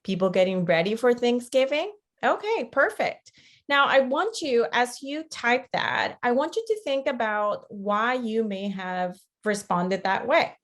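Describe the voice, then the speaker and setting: This woman's voice is on the high side, animated and a bit bright, yet she keeps a measured pace. Originally from Costa Rica, she is a teacher educator presenting a webinar, lecturing interactively and conversationally while regularly checking in with listeners.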